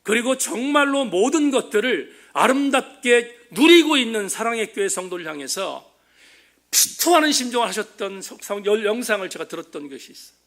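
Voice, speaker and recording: A man preaching an impassioned sermon as a pastor in a church, building to loud emphatic peaks. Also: high voice, sing-song, normal speed. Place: church sanctuary.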